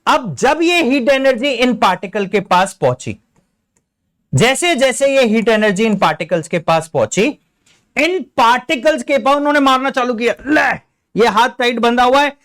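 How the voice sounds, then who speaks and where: A man's voice: very high voice, expressive, normal speed, fairly bright tone. A young Indian man teaching a school science lesson, playful and theatrical, acting out film lines and sound effects. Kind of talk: playful classroom lesson with demonstrations.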